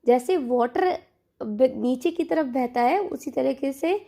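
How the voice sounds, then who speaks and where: Slow and mellow, with a high pitch and some vocal fry, a woman teaches an online exam-prep class. She switches between Hindi and English, restating the key terms so her learners catch them.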